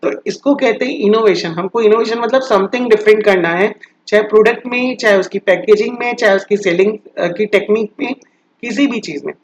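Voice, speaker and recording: A male commerce teacher giving a lecture. He explains step by step, often asks a question and then answers it himself, and reads out English definitions slowly, as if dictating. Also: sits high. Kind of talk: recorded classroom lecture. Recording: dull lo-fi sound.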